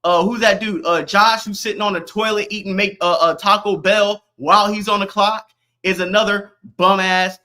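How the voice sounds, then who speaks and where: Man streamer from Florida, high bright voice, brash and mocking live rant. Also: steady tone, moderate pace.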